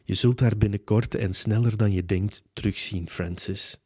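Guy reading as a gentle reassuring victorian lady medium, mellow low voice. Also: steady tone, moderate pace, husky, dry recording, clean studio sound. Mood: soothing. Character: gentle persuasive woman, a Victorian spirit medium. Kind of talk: audiobook character reading.

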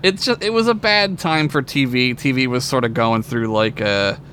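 A man co-hosting a casual fan discussion, speaking enthusiastically with halting phrasing and swearing. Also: medium pitch, fairly bright tone. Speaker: podcast co-host. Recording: clearly audible background noise.

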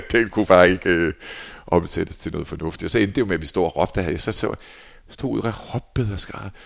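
A man in his forties, a former handball goalkeeper, telling lively anecdotes in a casual interview and acting out quoted lines. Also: low voice, creaky. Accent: Danish. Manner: animated anecdotes, acts out shouted quotes.

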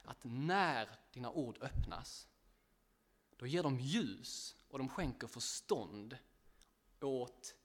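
A man's voice: mid-range voice, expressive. A man preaching a casual sermon, chatting directly with listeners, often laughing and poking fun at himself.

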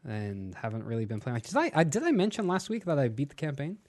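A man's voice: medium pitch, big pitch swings, fast, darkish tone. A man hosting a casual gaming podcast, steering the talk with teasing questions. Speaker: podcast host.

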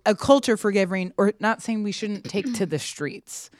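A woman on a podcast panel, talking casually and reflectively in short, measured phrases with pauses. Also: mid-range voice, expressive, darkish tone, dry recording, clean studio sound. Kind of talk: casual discussion.

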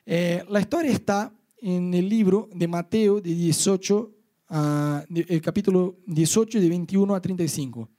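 A man's voice: high-pitched, normal speed, mellow. A man with a Rioplatense Spanish accent preaching a sermon in a chatty, slangy storytelling way, acting out the people he quotes. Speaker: pastor. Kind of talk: sermon with personal anecdote.

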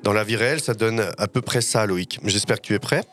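A fairly low-voiced man reads his podcast column, opinionated and wry, with a self-mocking streak. Faint music sits underneath him. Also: a little fast, a bit bright. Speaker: podcast critic.

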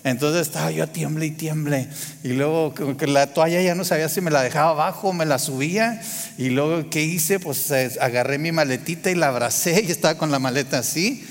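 A man's voice: a little high, fairly quick. A man with a Mexican Spanish accent preaching a sermon, telling a personal story in a conversational way and often turning to the congregation with "¿verdad?". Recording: long hall reverb.

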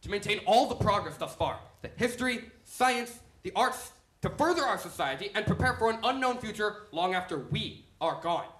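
A man plays a stern head programmer who lectures his children on duty. His voice is lively in pitch and rings in a roomy stage space. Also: normal speed, hardly any pauses. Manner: stern, preaching. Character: strict devoted male head programmer, a father. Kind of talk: stage play acting.

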